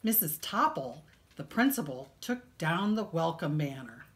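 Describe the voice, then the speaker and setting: Slow-paced woman reading a children's story. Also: deep voice, big pitch swings. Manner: deliberate, dramatic emphasis on key words. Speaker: children's librarian reading a picture book. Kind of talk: expressive read-aloud storytelling for children.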